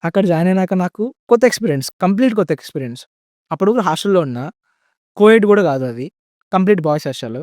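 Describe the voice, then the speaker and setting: A young man speaks in a relaxed podcast conversation, dropping "bro" and English words into his talk. He talks quickly in a slightly high voice. The sound is dry and close. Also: dry recording. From India. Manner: chatty, says "bro" often, mixes in English words. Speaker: guest. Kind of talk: casual podcast storytelling.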